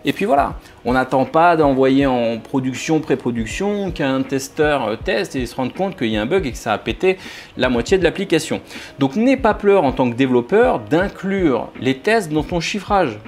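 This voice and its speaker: A man who works as a software developer, explaining testing to viewers in a casual, informal vlog with sarcastic jokes and frequent restarts. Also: a little high, lively intonation, moderate pace. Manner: jokey, sarcastic asides.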